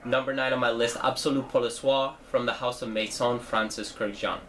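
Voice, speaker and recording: His mid-range voice stays steady and fairly bright, moving fairly quickly over a faint hiss or hum. He's a young New Jersey man, nose stuffy from a cold, hosting a casual fragrance review channel in a chatty manner with many fillers and self-corrections.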